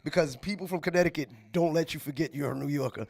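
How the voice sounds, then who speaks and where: A man with a noticeably high speaking voice co-hosts a casual podcast chat. He grew up in New York, argues his points with animated insistence and laughs often. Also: fast, vocal fry. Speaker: podcast co-host.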